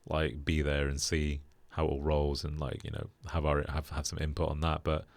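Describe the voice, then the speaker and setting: A young British man hosting a casual podcast chat, relaxed and flat in delivery with lots of fillers. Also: extremely low pitch, moderate pace, dry recording. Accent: British English. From Britain. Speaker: podcast host.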